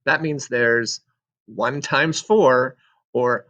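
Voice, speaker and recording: A man's voice: mid-range voice, very slow, sharp tone, muffled recording. A middle-aged man teaching sixth-grade social studies, talking through a screen-recorded class walkthrough in a chatty way with joking asides, ums and self-corrections.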